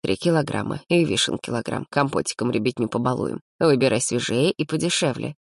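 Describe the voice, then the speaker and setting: A woman's voice: very deep voice, animated, fairly quick, vocal fry, no echo, pitched below the performer's own voice, exaggerated voice. A woman voicing a bossy, teasing young man who runs the camp, lecturing in a dry tone.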